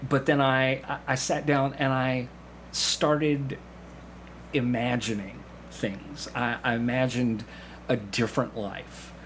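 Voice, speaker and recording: Clear room noise sits behind this podcast guest, an amateur actor whose casual storytelling stumbles along with repeated phrases and acted-out asides. His voice is mid-pitched and fairly bright, with little pitch movement.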